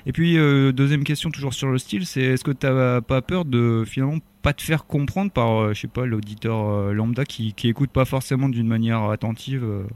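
A man's voice: mid-range voice, moderate pace, hardly any pauses, darkish tone. A man hosting a radio show, who asks long questions and hesitates while searching for words.

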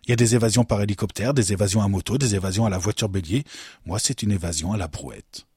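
A deadpan, matter-of-fact man, voiced by a male storyteller, in a radio story. The voice is husky, low and dry. It sounds close to the mic. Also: fast, no echo. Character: deadpan male prison intruder with a wheelbarrow.

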